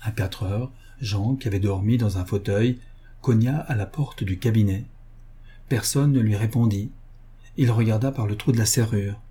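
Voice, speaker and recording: A man narrating a novel in a steady, even reading voice. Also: fairly low pitch, moderate pace, husky. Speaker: audiobook narrator. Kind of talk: scripted narration.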